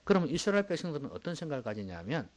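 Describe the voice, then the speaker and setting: Male pastor, sermon, slightly high voice, very expressive pitch, rhetorical questions to the congregation, soft asides and loud bursts. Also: racing. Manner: animated preaching, swinging from soft low asides to loud emphatic bursts.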